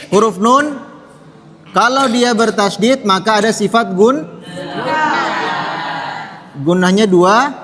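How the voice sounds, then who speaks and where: High-voiced man teaching recitation, echoing hall. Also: fairly bright tone. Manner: patient, drills pronunciation and has the class repeat. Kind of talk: tajwid lesson to children. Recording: long hall reverb.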